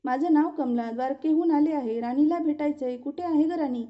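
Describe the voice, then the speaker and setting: A woman's voice: high voice, normal speed, lightly acted. A woman playing a scolding old beggar woman. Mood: weary. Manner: scolding, bitter. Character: angry old beggar woman, a goddess in disguise. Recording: dull lo-fi recording.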